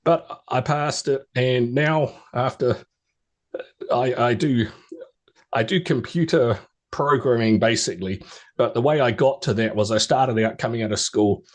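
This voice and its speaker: A chatty middle-aged man from New Zealand, speaking at medium pitch and a measured pace. He's a podcast guest in a casual interview, rambling through stories with restarts and stammers.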